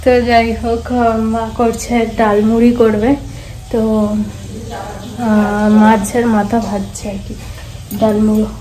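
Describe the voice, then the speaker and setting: A woman's voice: fairly high pitch, little pitch movement, takes it slowly, pauses often, dark tone. Chatty woman vlogging from a noisy echoey home. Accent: Bengali. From India. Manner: chatty, rambling, talks while doing chores. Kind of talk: casual daily vlog chat. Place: home in hot weather. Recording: echoey home room with clear background noise.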